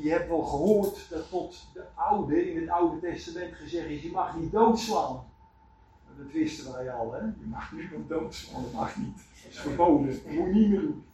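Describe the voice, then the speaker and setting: A man preaching a sermon, telling Bible stories with lively acted quotes. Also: fairly high pitch, a little hiss or hum. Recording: echoey room, voice from far off.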